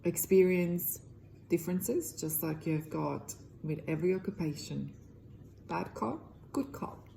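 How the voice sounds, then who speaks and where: A woman's voice: on the low side, measured pace, creaky, mellow, slight background noise, poor audio. A middle-aged woman from Croatia with a Croatian accent speaks earnestly to camera as an energy healer, in loosely phrased English. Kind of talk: direct-to-camera self-promotion.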